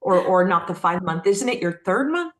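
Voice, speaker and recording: A middle-aged woman from Texas in the United States, a company founder, appears as an interview guest, telling stories effusively and earnestly in a casual, conversational way. Her voice is on the low side and fairly bright, with big pitch swings at a moderate pace. The room sounds echoey.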